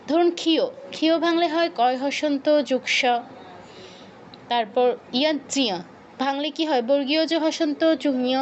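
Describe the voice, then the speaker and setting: A woman's voice: high-pitched, lo-fi sound, slight background noise. A woman teaching an online workshop, explaining rules patiently, repeating key points and checking that her students follow.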